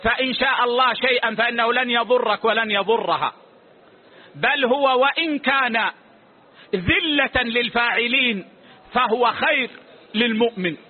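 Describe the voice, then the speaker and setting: A man, a religious scholar, giving a lesson and answering questions in a measured, authoritative way, closing each answer with a short word. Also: very high-pitched. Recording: tinny phone-like lo-fi recording.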